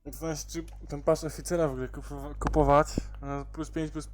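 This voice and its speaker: A man giving casual gameplay commentary as a let's player, muttering to himself in a halting way. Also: fairly high pitch, level tone.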